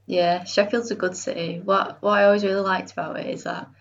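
Female podcast guest, Bradford accent, creaky and a little husky, informal, self-deprecating, slightly lo-fi sound. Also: medium pitch, level tone, a little fast. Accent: Bradford, West Yorkshire. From Bradford, northern England. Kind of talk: casual conversational interview.

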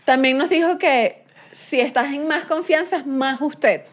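A woman co-hosts a casual podcast conversation with a fairly high voice. She is chatty and quick to agree and chime in. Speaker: podcast co-host. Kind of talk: casual chat.

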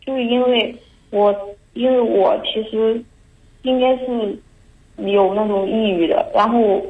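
Anxious young woman caller, flat halting delivery, muffled lo-fi line. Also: on the high side. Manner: halting, anxious, many restarts. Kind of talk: call-in confession.

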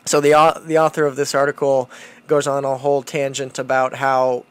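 A man hosting a podcast with casual commentary, halting and rephrasing as he goes. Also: mid-range voice, completely flat delivery, clear, resonant tone. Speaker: podcast host.

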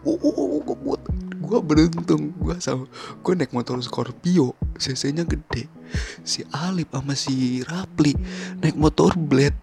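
A man telling a story in a lively, casual way as a caller, acting out the shouts. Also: a little high, slow, gravelly. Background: music playing.

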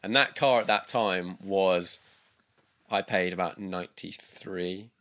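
Low, bright-voiced British man. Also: slow. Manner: rambling, many restarts and fillers. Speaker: guest. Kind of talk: casual interview chat.

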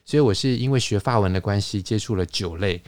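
A man hosting a podcast, explaining things in a relaxed lecturing way with fillers and restarts. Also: on the low side, quick pace, no echo. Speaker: podcast host, wine lecturer. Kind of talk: casual conversational podcast.

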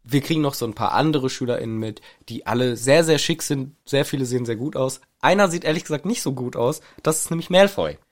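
A man's voice: medium pitch, fast, few pauses. A man co-hosting a casual book podcast, retelling scenes and acting out the characters' lines with laughter. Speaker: podcast co-host.

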